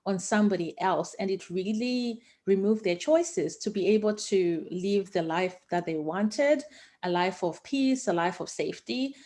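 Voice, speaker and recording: A woman from Zimbabwe, talking enthusiastically and passionately as a guest in a casual interview. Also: mid-range voice. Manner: enthusiastic and passionate, with many fillers. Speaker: guest, founder of investing education company.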